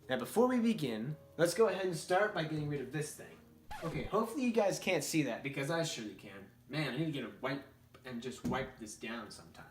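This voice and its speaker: Upbeat young-sounding man, fairly high voice. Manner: upbeat and chatty, with jokey asides. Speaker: YouTube host. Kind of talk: casual motivational talk at a whiteboard.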